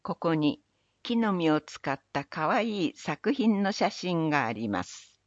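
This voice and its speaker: A woman reading municipal event announcements in a measured, even recital of dates, places and phone numbers. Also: on the low side, dry recording, lo-fi sound. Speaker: city announcer. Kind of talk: scripted public announcement reading.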